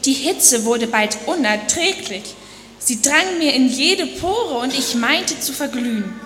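A delicate porcelain box tells its own tale in a fairly high voice with pleading outcries, as a woman speaks it. The voice rings through a long church reverb in a roomy space. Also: lively intonation, measured pace, fairly bright tone, slight background noise. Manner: pleading cries of complaint. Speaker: speaker in a church dialogue sermon. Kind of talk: dramatic first-person storytelling.

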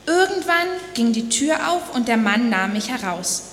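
A woman's voice: fairly high pitch, big pitch swings, moderate pace, reverberant, long reverb tail, a little hiss or hum. A woman voicing a delicate talking porcelain box that tells its story of being shaped, crying out for it all to stop. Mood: pleading. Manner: pleading cries of complaint. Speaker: speaker in a church dialogue sermon. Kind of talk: dramatic first-person storytelling.

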